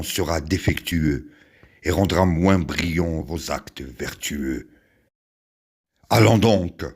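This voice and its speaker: A man playing a proud, victorious warrior king in a classical verse tragedy, with grand, solemn tragic stage declamation and weighty pauses. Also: sits low. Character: proud victorious king and war leader, grave and lofty.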